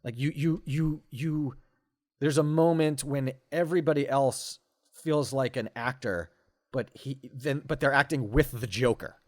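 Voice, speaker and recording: Man, forties, podcast guest, eager and stammering, medium pitch, dry close sound. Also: unhurried, no room sound. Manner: enthusiastic, stammering restarts. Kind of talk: casual conversation.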